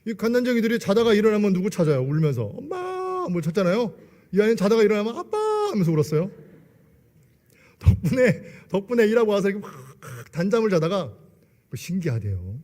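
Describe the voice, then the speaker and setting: A man in his forties gives a church testimony in a high, mellow voice, animated and quick. He keeps putting rhetorical questions to the congregation, and the sanctuary's large hall leaves a long echo.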